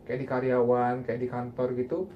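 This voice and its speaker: A man's voice: medium pitch, completely flat delivery, normal speed, muffled recording. A young man facilitating a group counselling session with casual, conversational guidance. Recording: faint background noise.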